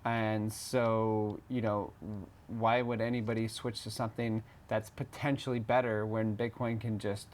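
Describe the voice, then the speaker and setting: Opinionated man with a lowish voice. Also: little pitch movement, measured pace, a little mellow. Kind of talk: casual conversational debate.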